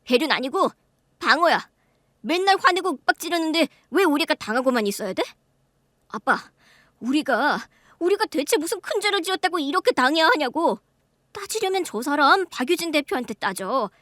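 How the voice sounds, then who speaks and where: A woman's voice: high-pitched, sing-song, moderate pace, fairly bright tone, dry recording, clean studio sound, voice pushed up. Whiny defiant daughter voiced by a woman. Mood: indignant. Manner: whiny, talking back. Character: spoiled, defiant young woman in her late twenties, the elder daughter.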